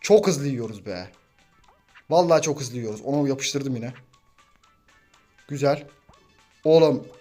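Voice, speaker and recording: A young man talks through his gameplay in a loose, excitable way, reacting fast and ribbing his teammates. His voice sits at an ordinary middle pitch. A little game music plays quietly underneath. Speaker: gaming YouTuber. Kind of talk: live gameplay commentary.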